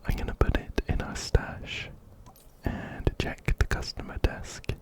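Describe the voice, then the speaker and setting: In this ASMR playthrough, the male host keeps his voice to a gentle, breathy whisper. He takes his time and speaks softly, positioned close to a binaural microphone for an ear-to-ear effect.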